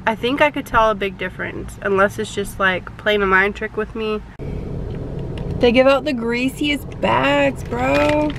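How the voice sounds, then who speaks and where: A woman's voice: a little high, background noise. A young woman chatting casually to viewers while she sits in her car between delivery orders, rambling and full of "like" fillers. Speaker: delivery driver vlogger. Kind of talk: casual chat while driving. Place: inside a parked car.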